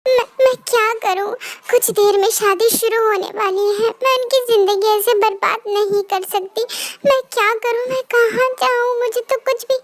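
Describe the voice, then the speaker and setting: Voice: extremely high pitch, steady tone, moderate pace. A woman reading a tearful, stammering young bride. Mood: anxious.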